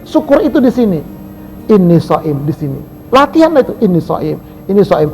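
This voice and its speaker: A man preaching a lively sermon, swinging between loud emphasis and soft asides. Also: high voice, moderate pace, faint music behind, rough recording.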